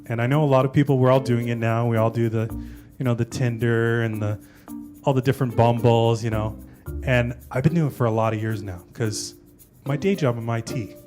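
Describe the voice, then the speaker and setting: A chatty stand-up comic in his forties, mid-pitched, drifts loosely between interview answers and bits from his act, tagging lines with "right?". He speaks fairly quickly in a steady tone, with music playing underneath.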